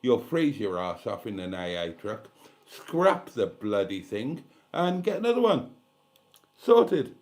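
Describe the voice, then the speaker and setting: A man's voice: on the low side, big pitch swings, takes it slowly, a little mellow. A man in his fifties hosting a live stream, chatting casually and reading comments in a blunt, candid, sweary way with rambling asides. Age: 50s. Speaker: livestream host.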